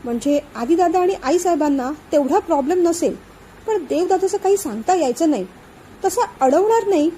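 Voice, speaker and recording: A woman's voice: very high-pitched, animated, fairly quick, a little hiss or hum, poor audio. A woman reading anxious young Aarohi. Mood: anxious, tender. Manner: soft, anxious, pleading. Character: young woman Aarohi, worried, guilt-ridden, in love.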